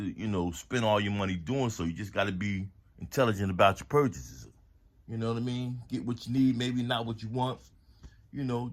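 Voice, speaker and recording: A man with a very low voice gives a relaxed product haul review. He chats straight to his viewers in easygoing slang. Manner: laid-back, slangy, talks straight to viewers. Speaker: vlogger reviewing home products.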